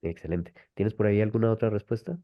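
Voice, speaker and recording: Man presenting a webinar over a lo-fi call, lower voice, explains calmly and patiently. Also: fast talker. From Colombia. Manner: explanatory, patient, rhetorical tag questions. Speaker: webinar host, language method presenter. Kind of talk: online webinar answering questions. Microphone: video call. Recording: dull lo-fi call audio.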